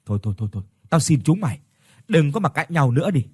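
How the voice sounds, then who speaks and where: A man's voice: fairly high pitch, very animated, rapid-fire, a little mellow, husky, no room sound, clean studio sound. A man voicing an eager, persuasive young man who leads his group of friends on an adventure.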